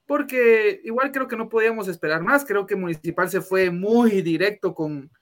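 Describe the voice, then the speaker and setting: A man's voice: sits high, normal speed, fairly bright tone. A young Guatemalan man with a Guatemalan Spanish accent, co-hosting a casual sports chat, laughing often and restarting his sentences. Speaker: podcast co-host.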